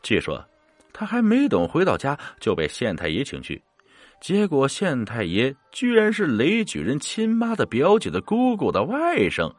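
A man narrating a scripted ghost story in a dramatic, expressive manner. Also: medium pitch, moderate pace, no room sound.

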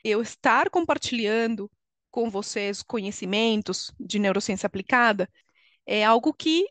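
Speaking Portuguese with a Venezuelan Spanish accent, the middle-aged guest coach and HR consultant explains her points in a podcast interview. Her medium-pitched voice is animated and fairly bright, a little slow, on a dry recording.

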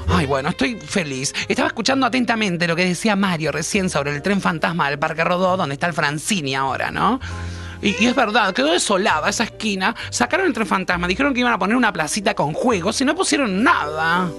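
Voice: mid-range voice, animated, quick pace, creaky, pushed and bright. A performer playing a flirty, gushing female radio announcer with a Uruguayan accent, in comic co-host chat. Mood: coy, chatty. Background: background music.

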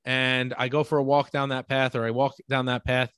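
A man with a New York accent talks through ideas in a relaxed, conversational way. He builds his points from everyday examples and keeps asking "right?" to check in. The sound is dry, with no room echo. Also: medium pitch, fairly quick, clear, resonant tone. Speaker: podcast co-host. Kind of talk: casual conversational explaining.

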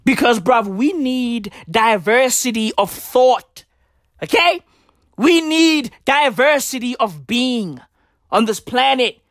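A comedian from southern Africa, a native Tswana speaker, delivers a rambling, profane, stand-up style rant full of animated slang. Her voice is on the high side and slow, captured dry with studio quality.

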